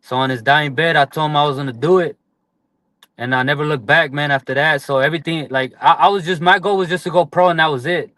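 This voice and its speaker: Young male boxer guest, fast and earnest, slightly high voice, dry close sound. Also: steady tone, pushed and bright, no room sound. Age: 20s. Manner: earnest, heartfelt, repeats "man" and "brother". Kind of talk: casual interview chat.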